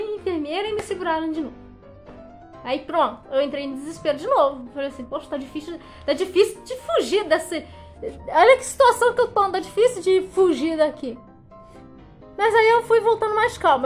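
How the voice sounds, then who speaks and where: A young woman telling a dramatic personal story in a casual, animated way. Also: sits high. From Brazil. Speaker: vlogger.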